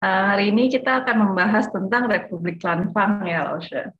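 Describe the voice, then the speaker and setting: A woman's voice: mid-range voice, moderate pace. Woman on a glitching, breaking-up online call. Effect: voice cutting out and glitching over a bad internet connection. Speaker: co-host opening an online talk. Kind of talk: casual online talk. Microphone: video call. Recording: dull lo-fi online call audio.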